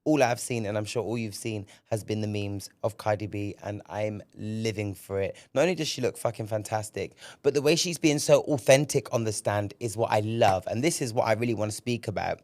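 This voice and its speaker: A man hosting a podcast in casual commentary, candid and animated, swearing freely and repeating words when he gets excited. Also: on the low side, a little fast, few pauses, no echo. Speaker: podcast host.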